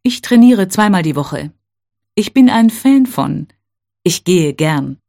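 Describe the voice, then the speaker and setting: Slow, mellow-voiced woman reading phrases. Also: on the low side, expressive. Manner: slow, careful, clearly spaced phrases. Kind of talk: reading set phrases for learners.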